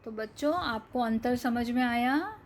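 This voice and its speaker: A woman teacher giving a children's reading lesson, stretching out each word slowly and asking the class to repeat. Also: on the high side, expressive. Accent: Hindi. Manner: slow, drawn-out word-by-word reading with repeated questions. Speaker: primary school teacher.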